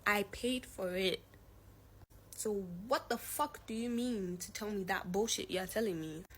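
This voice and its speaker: A 17-year-old student tells her own story in a mid-range voice at a measured pace, on a low-quality recording with a little hiss or hum. She's candid, blunt, and emphatic, repeating phrases and using slang.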